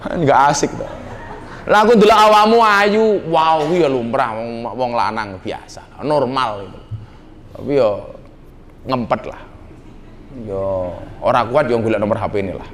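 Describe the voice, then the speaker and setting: A middle-aged man with a Javanese accent and a medium-pitched voice preaches at normal speed to a nightclub crowd, joking and teasing and using Javanese slang. The background in the nightclub hall, where a live audience listens, is noisy.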